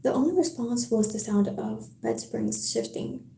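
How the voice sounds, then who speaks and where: Chatting casually with viewers on her live stream before reading from a novel, a French-accented woman speaks slowly in a soft, mellow, slightly high, sing-song voice. The audio, captured through a home setup, sounds roomy and echoey.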